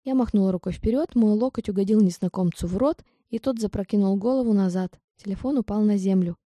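A woman reading a first-person audiobook in an even, steady storytelling manner. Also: mid-range voice, quick pace, no room sound. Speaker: audiobook narrator.

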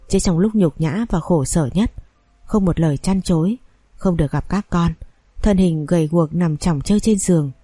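A woman reading a scripted audiobook story in a steady, measured way. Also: lowish voice, breathy edge, no room sound. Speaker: narrator.

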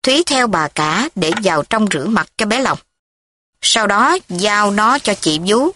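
A woman narrating a story in a steady storytelling manner. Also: medium pitch, unhurried, no echo.

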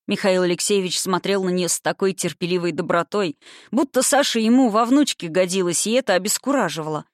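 A woman narrating a novel in an even, expressive audiobook reading. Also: fairly low pitch, a little fast, no room sound, studio quality.

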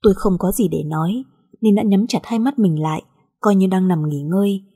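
A woman narrating a dramatic first-person audio story in a soft, emotional way. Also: mid-range voice, a little fast, husky.

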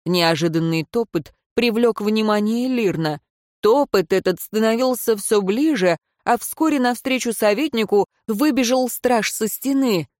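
An audiobook narrator reading fantasy prose in an even, measured way. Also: mid-range voice, no room sound, clean studio sound.

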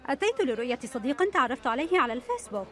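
Brief: nervous young traveler, high-ish voice, quick and hesitant. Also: female voice, very animated, faint music behind. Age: 20s. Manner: short, hesitant answers. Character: young woman traveler under questioning, nervous. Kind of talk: dubbed documentary dialogue.

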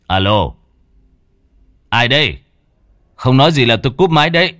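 A man's voice: low voice, takes it slowly, dry recording, studio quality, voice pushed down. Man doing a shaky frightened old train driver. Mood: nervous. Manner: shaky, stammering.

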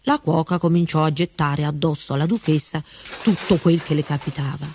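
A woman reading a fairy tale aloud with slow, expressive storybook narration. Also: deep voice, slight background noise.

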